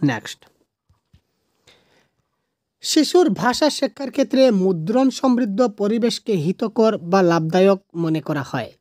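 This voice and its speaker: A woman teaching an exam-prep lesson to camera in an animated, coaxing way. She keeps asking viewers to comment and mixes English phrases into her talk. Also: medium pitch, unhurried, long pauses, no room sound, clean studio sound. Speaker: teacher solving exam questions.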